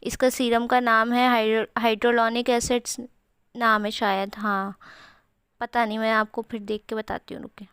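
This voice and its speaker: A woman's voice: fairly high pitch, little pitch movement, moderate pace, a bit bright, clean tone, dry recording. A young woman with a sore throat, chatting through a home cooking vlog voice-over in a rambling way with many fillers, recorded close to the mic. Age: young adult. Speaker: vlogger.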